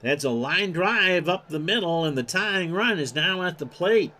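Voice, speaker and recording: A man's voice: high voice, lively intonation, moderate pace, pushed and bright. A man doing play-by-play commentary of a replayed baseball game, reeling off stats in clipped lists and erupting on big plays. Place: home streaming setup.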